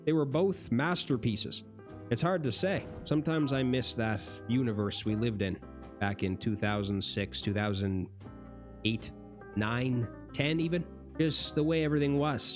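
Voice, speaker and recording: A man hosting a gaming channel in casual, rambling vlog talk, correcting himself mid-sentence, his voice going hoarse. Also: lowish voice.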